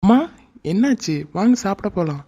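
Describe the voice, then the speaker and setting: A woman's voice: mid-range voice, expressive, fairly quick, warm tone, breathy edge, muffled recording, pitched below the performer's own voice. A woman voicing an easygoing, caring young man in a cartoon, coaxing and affectionate.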